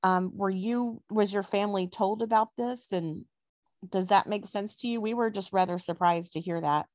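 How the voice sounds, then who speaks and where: A woman hosting a podcast in a friendly, chatty voice of middling pitch. She fills pauses with little ums as she talks. The sound is dry and close, with no room in it. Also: darkish tone, no echo. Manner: friendly, chatty, with frequent fillers. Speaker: podcast host. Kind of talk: casual conversational interview.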